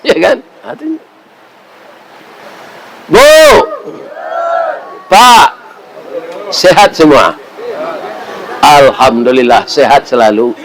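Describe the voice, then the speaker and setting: Brief: man, middle-aged, Minangkabau accent, preacher, gravelly, story-driven sermon with humor. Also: mid-range voice, animated, extremely slow, long pauses, fairly bright tone, some chatter behind, a little hiss or hum, poor audio. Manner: storytelling with humor and rhetorical "ya kan?".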